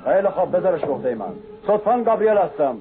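An actor dubbing a commanding, threatening army captain in a cartoon. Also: male voice, high-pitched, very animated. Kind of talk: dubbed cartoon voice acting. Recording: tinny lo-fi sound with music.

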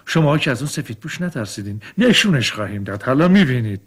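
A man's voice: mid-range voice, sing-song, breathy edge. A man voicing a jovial, reassuring wealthy father in a dubbed cartoon. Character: warm wealthy father, confident.

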